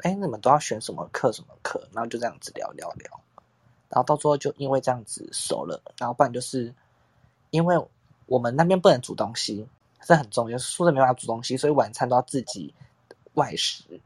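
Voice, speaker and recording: A man's voice: medium pitch, a little fast, a little mellow, husky, no echo. A young man, telling a long story in casual chat as podcast co-host, rambling and acting out quotes with frequent laughs.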